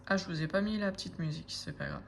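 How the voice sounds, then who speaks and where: A woman in her forties chatting casually to camera as a craft vlogger, hesitant, with frequent pauses and fillers. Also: fairly low pitch, creaky, slight background noise.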